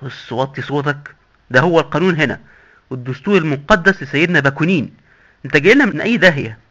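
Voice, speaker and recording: A man's voice: on the high side, expressive, rapid-fire, bright, forceful tone. A man with an Egyptian accent voicing a boastful, sly male doctor in hell who lectures glibly and mockingly. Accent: Egyptian Arabic. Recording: dull lo-fi recording.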